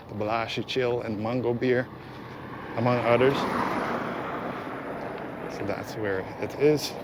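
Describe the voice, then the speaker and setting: A man giving casual, rambling commentary as he hosts a walking vlog outdoors. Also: mid-range voice. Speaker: vlog host. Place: outdoors, walking along a road. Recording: faint outdoor ambient and vehicle noise. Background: faint ambience, vehicles.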